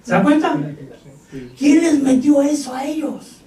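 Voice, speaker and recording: In a church hall, a pastor with a Mexican Spanish accent preaches a Pentecostal sermon, posing rhetorical questions to his congregation. His voice is extremely high-pitched, mellow and unhurried. The recording echoes, with the mic placed at a distance.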